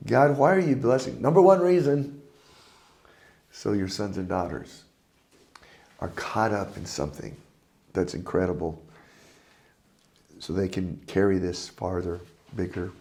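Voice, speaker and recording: Older male pastor, lowish voice, folksy conversational sermon, warm chuckles. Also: unhurried, creaky, pauses often. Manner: folksy, chuckling, earnest preaching.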